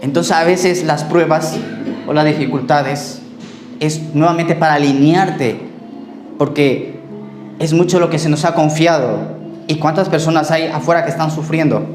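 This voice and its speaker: A man preaching from the pulpit, his fairly high voice ringing through a reverberant church room. He tells testimony stories, voicing each person in them, and his voice drops low as he trails off. Soft instrumental music sits faintly behind him. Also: steady tone, measured pace. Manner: storytelling, acts out dialogue, trails off quietly. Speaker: pastor.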